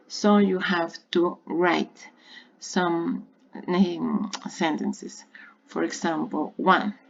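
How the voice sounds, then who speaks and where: Low gravelly woman teaching grammar. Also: darkish tone, a little hiss or hum. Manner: patient, explains step by step and repeats examples. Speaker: English teacher. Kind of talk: recorded online grammar lesson. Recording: dull lo-fi recording.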